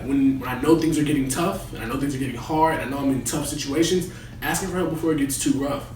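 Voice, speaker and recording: A man's voice: mid-range voice, natural voice. A young man playing a resident assistant in a comedy skit interview, talking colloquially about himself. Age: young adult. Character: young male resident assistant, cocky and boastful or earnest. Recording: echoey room, distant mic, noisy.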